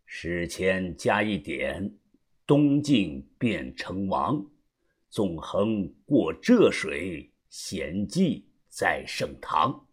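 A man voicing an older, calm, secretive uncle who speaks low, hushed and measured, as an audiobook character. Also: husky, exaggerated voice.

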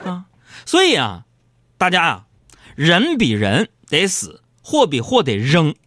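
Lively bantering male radio host. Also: a little high, slow pace, a little hiss or hum. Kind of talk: comic monologue.

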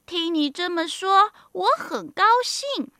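Woman putting on a shrill little old lady. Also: takes it slowly, gravelly, fairly bright tone, no echo, clean studio sound, full character voice. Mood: scolding, kindly. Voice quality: shrill, high.

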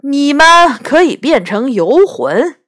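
A loud, defiant beast head from a children's storybook, as a woman reader puts it on. It shouts and refuses to share its body. Its voice sits high and swings widely. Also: sing-song, slow pace, no echo, clean studio sound, exaggerated voice. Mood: angry. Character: hot-tempered beast head, loud and stubborn.

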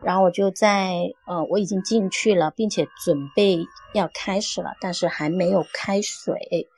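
Husky woman from recounting a ghost encounter. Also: fairly low pitch, fairly even intonation, a little mellow, faint music behind. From Guangdong, China. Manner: earnest, halting storytelling. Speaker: caller sharing a story. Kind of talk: first-person ghost story telling.

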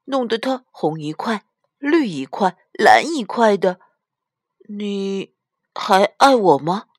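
A woman's voice: mid-range voice, animated, takes it slowly, dry recording, clean studio sound, pitched above the performer's own voice. A woman voicing a curious little girl bear cub in a storybook, asking question after question in a pleading way.

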